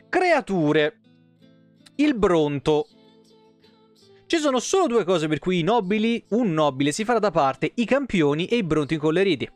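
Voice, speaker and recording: In a dry recording with soft tavern guitar music behind him, a man whose voice sits high streams casually. He reads game lore aloud and talks in a slangy, foul-mouthed way.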